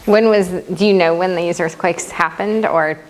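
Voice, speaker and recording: A woman's voice: fairly low pitch, fairly even intonation, measured pace. A woman visiting on a tour, chatting casually inside a cave. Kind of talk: casual chat. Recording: echoey cave.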